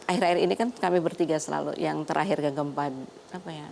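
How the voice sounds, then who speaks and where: An older woman doctor, a guest on a talk show, telling her story in a lively way and laughing often. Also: low voice, fast talker, creaky, a little hiss or hum.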